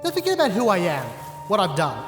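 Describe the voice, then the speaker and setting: Audio drama scarecrow hero played by a man: earnest, fretful, high and animated, in a reverberant hall. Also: fast, music in the background. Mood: reflective. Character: earnest, gallant living scarecrow, former king.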